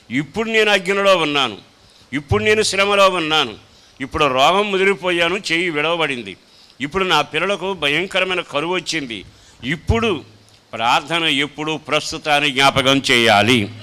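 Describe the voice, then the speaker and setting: Bright, resonant preaching man. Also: on the high side, clean tone. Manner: preaching with rising emphatic repetition; echoes his own scripture reading line by line. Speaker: pastor. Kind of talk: sermon.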